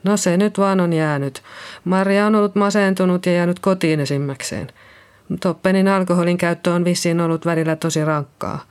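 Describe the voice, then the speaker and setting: An audiobook narrator takes on the role of a rattled middle-aged nurse under police questioning, speaking hesitantly and apologetically with a nervous edge. The voice sits at medium pitch with fairly steady intonation and a clean tone, raised slightly but still natural.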